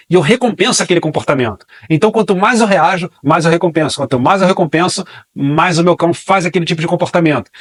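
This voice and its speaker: Brazilian male dog trainer, quick and fairly high voice, dry close sound, rhetorical teaching style. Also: no room sound. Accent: Brazilian Portuguese. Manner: explanatory, repeats key phrases, asks and answers own questions. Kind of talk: online training class.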